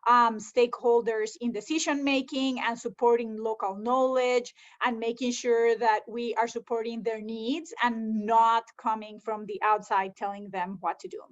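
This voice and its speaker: A woman's voice: a little high, fairly even intonation, normal speed, few pauses, lo-fi sound. A woman from Rica, a conservation scientist answering interview questions earnestly, with frequent ums. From Costa Rica.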